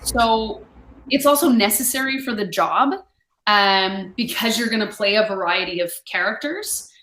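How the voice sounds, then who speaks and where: A woman's voice: mid-range voice, lively intonation, moderate pace, fairly bright tone, a little hiss or hum. A woman tutor chatting casually in an online lesson. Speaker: online English tutor and stage actor. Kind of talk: casual video-call lesson chat. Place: indoor room on a video call. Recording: echoey room.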